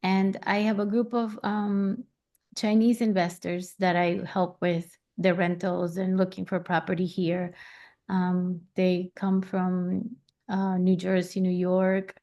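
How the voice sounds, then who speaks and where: A middle-aged woman from Puerto Rico introducing herself as a realtor on a webinar, relaxed and full of ums. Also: fairly low pitch, slow, lo-fi sound.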